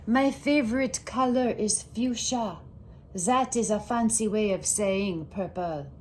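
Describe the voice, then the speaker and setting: A woman voicing an excitable little girl who adores fancy things, with a dramatic, grandly precious delivery in a storybook. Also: on the high side, slow pace, a little hiss or hum. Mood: proud, delighted.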